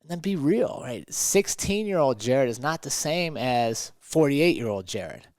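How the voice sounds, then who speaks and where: Speaking a little slowly, this man has a medium-pitched, slightly mellow voice with lively intonation. As a motivational podcast host and coach, he chats emphatically and leans on rhetorical questions, captured in a clean, echo-free studio.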